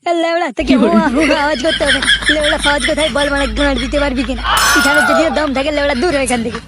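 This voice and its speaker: A woman voicing a hot-tempered, foul-mouthed young man in a cartoon comedy, crude, loud and mocking. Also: high-pitched, steady tone, very fast, very noisy, close to an everyday voice.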